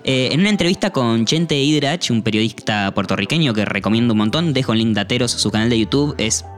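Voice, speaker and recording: A man co-hosting a casual music review chat, talking in a relaxed, chatty way with frequent fillers. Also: mid-range voice, quick pace. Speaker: podcast co-host.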